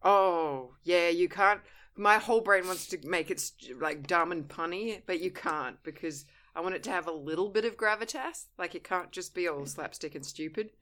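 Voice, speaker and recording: A woman co-hosting a relaxed podcast, her voice bright and crisp yet sitting a little low. She riffs quickly and laughs often, slipping into quoted voices mid-story. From England. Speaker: podcast co-host. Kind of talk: casual chat.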